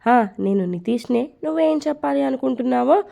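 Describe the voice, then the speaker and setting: A woman storyteller voicing a calm, teasing young man without much change to her voice. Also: high voice, brisk, creaky, full character voice.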